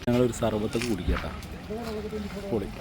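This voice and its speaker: A man with a Kerala accent narrating a casual, excited outdoor vlog, mixing English slang into his Malayalam and repeating catchphrases. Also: lowish voice, fairly quick, background noise. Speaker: vlogger. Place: outdoors, in a small boat on water.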